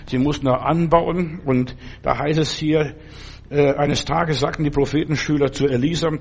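A man's voice: fairly high pitch, steady tone, moderate pace, creaky, husky. A man preaching a sermon and reading a Bible story, talking in an earnest, fatherly way straight to the listener.

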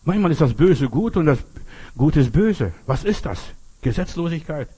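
Older guy preaching, husky mellow voice, keeps asking "you understand?", chatty stories. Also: a little high, sing-song, moderate pace. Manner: folksy storytelling, rhetorical questions, repeats "verstehst du". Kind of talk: sermon.

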